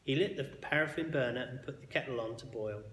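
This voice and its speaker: A man reading a children's book aloud as a bedtime story, expressive and sometimes dropping to a hush. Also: medium pitch, brisk. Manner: expressive, with hushed quiet passages. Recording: echoey hall with long reverb.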